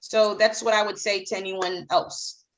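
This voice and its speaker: A woman's voice: mid-range voice, flat delivery, moderate pace, rough recording. Emphatic woman author from Haiti. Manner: emphatic, repeats phrases for emphasis. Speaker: children's author, guest. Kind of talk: podcast interview.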